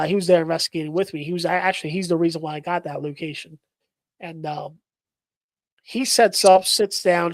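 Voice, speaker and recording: A man, a paranormal investigator, telling a spooky story in casual live-stream chat, excitable and full of fillers. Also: a little high, dry recording, poor audio.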